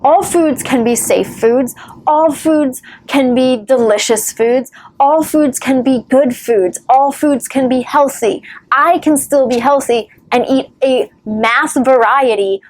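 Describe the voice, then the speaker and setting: A woman's voice: sits high, takes it slowly. A woman giving earnest, reassuring advice straight to camera as a recovery vlogger, with the odd wry joke. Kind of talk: encouraging direct-to-camera advice.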